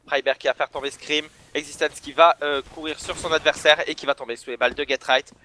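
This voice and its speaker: A man from the south of France, casting an esports match solo and bursting into shouts on big plays. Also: on the high side, fairly even intonation, a little fast, slight background noise. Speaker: esports caster. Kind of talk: solo play-by-play commentary.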